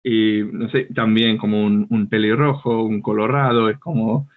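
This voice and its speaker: A man's voice: on the low side, flat delivery, normal speed. A young American man whose first language is English, speaking Spanish with a picked-up Argentine accent, hesitant and searching for words in a casual chat. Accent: Argentine Spanish, learned as an American. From United States. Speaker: podcast co-host. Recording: tinny phone-like call audio.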